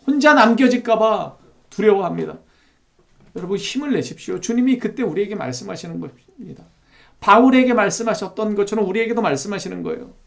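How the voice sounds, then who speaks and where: A man's voice: high voice, animated, brisk, vocal fry. A male pastor preaching an expository sermon in a church, reading scripture aloud and asking the congregation questions. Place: church sanctuary.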